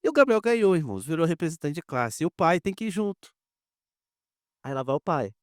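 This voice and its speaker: High-voiced Brazilian pastor telling stories. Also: male voice, fairly quick, no room sound, clean studio sound. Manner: animated storyteller, addresses the congregation directly; acts out quoted dialogue. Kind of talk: conversational sermon with personal stories.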